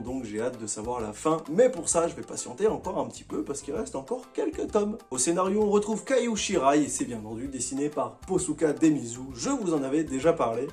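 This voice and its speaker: A man's voice: medium pitch, a little mellow. A man talking casually and enthusiastically to his viewers as he reviews his monthly manga picks, with slangy, chatty phrasing.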